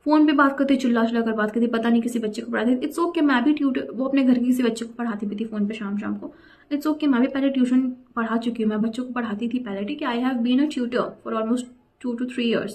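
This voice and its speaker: A woman's voice: fairly high pitch, fairly even intonation, brisk, darkish tone. A young woman telling a personal story in a chatty, indignant way, dropping English phrases into her talk. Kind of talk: casual storytime vlog.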